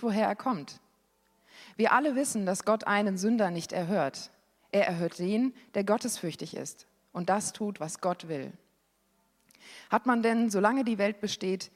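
A woman reading a Bible passage aloud in a church service, with an expressive reading that lifts on the quoted questions. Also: mid-range voice. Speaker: scripture reader. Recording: long hall reverb.

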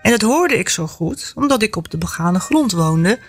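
A woman author reading from her own novel, then talking about the memories behind it in a lively, storytelling way. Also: medium pitch, moderate pace, soft background music. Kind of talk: novel reading and personal reflection.

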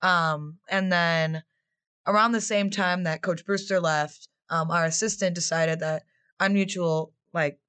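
A woman's voice: lowish voice, measured pace, smooth. A woman in her twenties, a former player turned assistant coach, answering interview questions in a chatty way. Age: 20s. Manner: chatty, animated storytelling with quoted voices.

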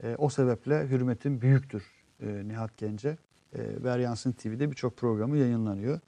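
A man with a dark, mellow tone hosts a casual live stream, reading out viewer comments and explaining at length. He sounds earnest and unhurried and often drifts off with long fillers. The sound is close and dry. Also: mid-range voice, no echo.

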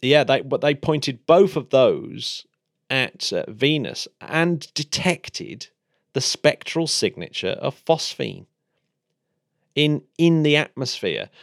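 A man's voice: mid-range voice, very animated, slow, creaky, dry recording. Chatty man explaining science, dry sound. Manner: hesitant, lots of restarts and hedging. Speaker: podcast co-host. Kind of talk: casual science chat.

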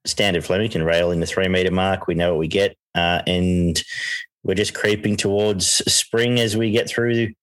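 Low-voiced Australian man, casual racing tipster. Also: steady tone, moderate pace, no room sound. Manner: conversational, thinking aloud. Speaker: horse racing podcast host and tipster. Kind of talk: casual racing preview chat.

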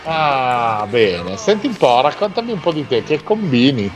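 A man hosting a radio show in casual, teasing chat, talking in halting phrases and adding little tag questions. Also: medium pitch, sing-song, over music.

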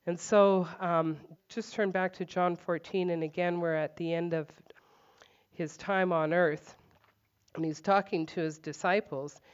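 A woman's voice: on the low side, steady tone, unhurried, smooth. A woman giving an informal Bible teaching at home, talking conversationally with lots of fillers and firm emphasis. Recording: dull lo-fi recording.

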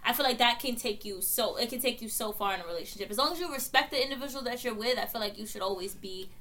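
Bright, fast-talking woman. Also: on the high side. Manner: quick, chatty, many "like" and "I feel like" fillers. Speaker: podcast co-host. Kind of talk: casual group discussion.

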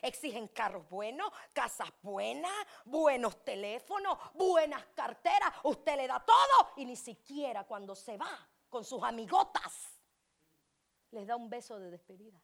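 A woman preaching a fervent sermon at a church service. She swings from shouting to hushed pleading and breaks into speaking in tongues. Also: on the high side, lively intonation, a little slow, gravelly. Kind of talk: Pentecostal sermon.

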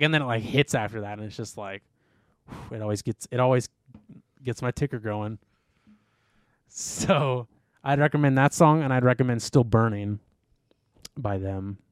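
A man's voice: mid-range voice, moderate pace, long pauses, dry recording, studio quality. A young man co-hosting a podcast in casual chat, rambling with lots of fillers and swearing. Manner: rambling and animated, many fillers and curse words. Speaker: podcast co-host.

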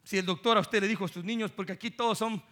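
Speaking fast, a middle-aged Guatemalan pastor with a Guatemalan Spanish accent delivers a sermon. His stories swing between loud preaching and soft, low asides.

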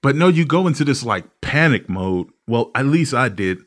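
A man hosting a podcast, telling stories in a profane, ranting, animated way. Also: mid-range voice, normal speed. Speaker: podcast host. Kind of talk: casual comedic podcast monologue.

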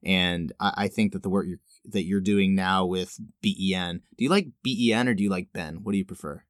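Low-voiced male podcast host, dry sound. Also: fairly quick, no room sound. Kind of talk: scripted intro, then interview chat.

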